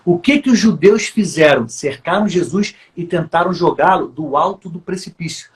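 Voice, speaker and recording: A man's voice: on the high side, animated, normal speed. A man hosts a casual faith conversation and explains things patiently, like a teacher. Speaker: host.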